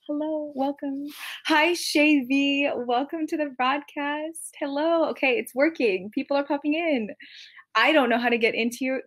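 Hosting a livestream from a small indoor bedroom, a young woman in her twenties talks on the high side. The TikTok creator and actor chats casually on webcam in a giggly, self-deprecating Gen Z way, peppered with "like."

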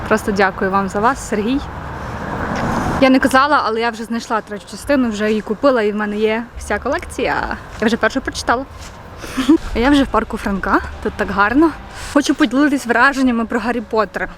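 A woman's voice: on the high side, slight background noise. A young woman talking casually to her phone camera while walking through a city, playful and jokey. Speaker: vlogger. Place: outdoors on city streets and in a park. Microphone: handheld phone at arm's length.

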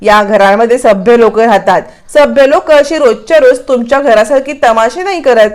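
A woman voicing a stern, scolding middle-aged mother-in-law in a spoken retelling of a TV serial, with a sharp, reproachful delivery. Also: fairly high pitch, normal speed, natural voice.

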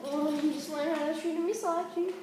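Excitable high-voiced woman, very echoey recording. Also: quick pace. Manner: excitable, blurts out game events and cheers. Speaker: co-host of a gaming podcast. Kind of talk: casual banter while playing a shooter game. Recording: very echoey, far from the mic, noisy.

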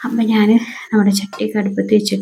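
Gravelly, mellow-voiced woman. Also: mid-range voice, little pitch movement, very fast. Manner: soft, homely, ends phrases with a gentle tag. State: sad, holding back tears. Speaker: family vlogger. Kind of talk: casual voice-over narration.

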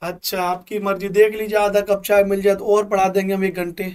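A male teacher running a live online revision class. He quizzes viewers, repeats questions slowly and jokes with them. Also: high voice, little pitch movement, a little mellow, smooth, recorded from a distance. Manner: joking banter with viewers.

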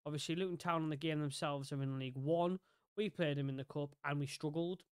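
A man's voice: fairly high pitch, fairly even intonation, a little fast, smooth, no echo, clean studio sound. A young man giving casual, rambling commentary on his management game, often restarting and correcting himself. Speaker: gaming YouTuber.

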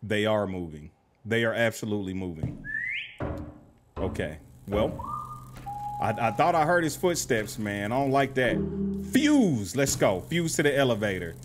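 A man's voice: lowish voice, big pitch swings, unhurried, pauses often, music in the background. A young man commentating a horror game, playfully trash-talking the enemies. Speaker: gaming commentator.

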